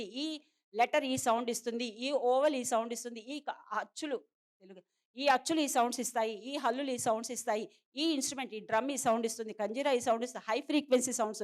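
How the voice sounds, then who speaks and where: A middle-aged woman giving a seminar lecture to parents. She explains step by step, mixes in English terms and asks the audience rhetorical questions. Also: high-pitched. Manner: mixes many English terms into her talk. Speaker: trainer of parents of hearing-impaired children.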